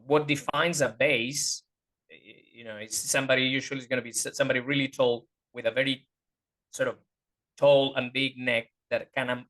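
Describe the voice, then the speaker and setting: A man talks through vocal anatomy in a loose, unscripted interview, stopping often to find the right word. His voice sits in an ordinary middle pitch. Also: fairly bright tone. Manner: hesitant, searching for words, many fillers. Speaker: guest voice teacher. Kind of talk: casual interview chat.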